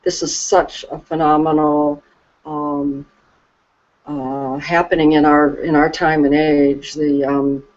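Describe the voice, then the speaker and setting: Slow, hesitant woman, muffled sound. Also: sits low. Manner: soft, hesitant, many fillers and restarts. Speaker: Reiki practitioner. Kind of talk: slow reflective conversation. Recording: dull lo-fi recording.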